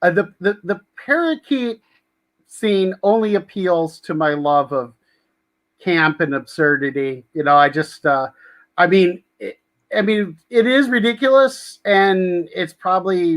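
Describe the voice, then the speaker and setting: High-voiced hesitant male co-host. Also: measured pace, fairly bright tone. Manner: hesitant, searching for words. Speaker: podcast co-host. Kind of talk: casual film review chat.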